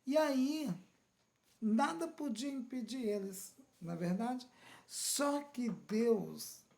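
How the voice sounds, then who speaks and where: A woman's voice: a little high, animated, vocal fry, a little mellow. A woman with a Brazilian accent preaching a sermon, often checking in with the listener with "amen?" and "right?". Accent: Brazilian Portuguese. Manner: slow, questioning, asks "Amém?" and "né?" often.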